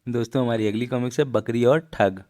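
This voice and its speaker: A man with a voice of ordinary middle pitch reads comics aloud to his channel. He talks to his viewers in a chatty way, calling them friends. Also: steady tone, brisk, mellow. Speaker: comic reader and channel narrator.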